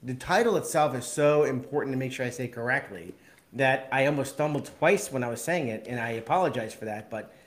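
A man's voice: medium pitch, brisk. A man hosting a live video podcast, upbeat and chatty, often stumbling over words and repeating himself. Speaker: podcast host.

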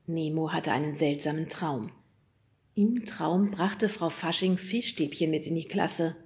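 A woman narrating a children's audiobook with lively, scripted storytelling. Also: low voice, measured pace.

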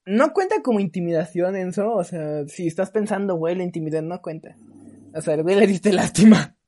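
A young man with a Mexican accent telling stories on a podcast, animated and swearing, teasing his friends. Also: sits high, normal speed. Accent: Mexican Spanish. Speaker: podcast co-host. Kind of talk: casual storytelling chat.

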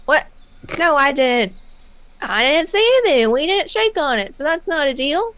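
High-voiced woman game master, dry sound. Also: very animated, normal speed, fairly bright tone, dry recording. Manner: casual, laughing, voices a merchant. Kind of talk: narrating a tabletop game.

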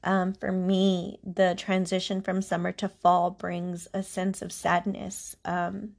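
A woman's voice: lowish voice, monotone, slow, gravelly, a little mellow. A woman hosting a podcast with a congested voice, giving a personal, reflective talk about faith in a confiding manner. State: congested from allergies, voice not its normal sound. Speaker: podcast host.

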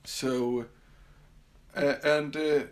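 His voice sits on the high side, with a steady tone and drawn-out words. He's a man from Sweden with a Swedish accent, hosting a laid-back solo podcast at his summer house and often restarting or filling pauses.

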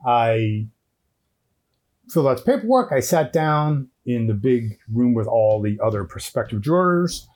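A man's voice: mid-range voice, big pitch swings, measured pace, darkish tone. Man telling a story on a headset mic. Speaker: podcast guest. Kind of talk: casual storytelling chat. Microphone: headset microphone.

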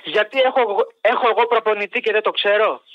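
A man's voice: sits high, no echo. Gloomy male caller, dull lo-fi line. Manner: gloomy, pessimistic. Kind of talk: phone-in call.

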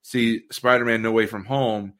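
A man's voice: lowish voice, fairly even intonation, normal speed, fairly bright tone. A man hosting a casual faith conversation, reflecting thoughtfully and at length.

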